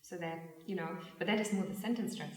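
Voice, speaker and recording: Woman teacher, hesitant, lowish voice, echoey room, distant mic. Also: fast, a little mellow. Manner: hesitant, many fillers and restarts. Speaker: exam candidate, English teacher. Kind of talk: oral exam discussion.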